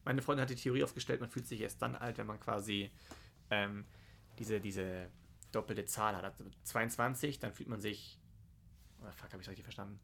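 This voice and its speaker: A man's voice: fairly low pitch, fairly even intonation, normal speed, creaky, fairly bright tone. A young man in his twenties in a casual, rambling chat, swearing and laughing along the way.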